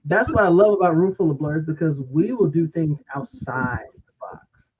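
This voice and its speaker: A man's voice: on the high side, animated, normal speed. A man co-hosting a casual talk show, joking around and slipping into comic voices. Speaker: podcast co-host. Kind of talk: casual chat. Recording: dull lo-fi mic with faint noise.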